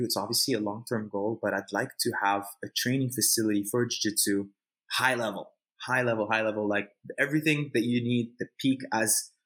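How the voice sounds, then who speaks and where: Husky yet fairly bright, his medium-pitched voice belongs to a jiu-jitsu fighter from Montreal, Canada. He's being interviewed informally, chatting off the cuff, repeating himself for emphasis and using lots of slang.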